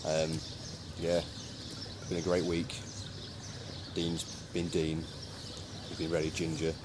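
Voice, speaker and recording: A man's voice: extremely low pitch, monotone, takes it slowly. A young man filming a holiday vlog with friends, rambling and joking with plenty of swearing. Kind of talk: casual chat to camera. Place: holiday resort outdoors, later a car. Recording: noisy outdoor camera audio.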